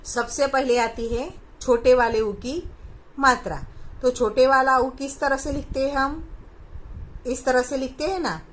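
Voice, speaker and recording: A woman's voice: sits high, steady tone, measured pace, fairly bright tone. A woman from India teaching young children, patiently asking questions and repeating each answer. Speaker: primary school teacher. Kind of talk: recorded online class lesson.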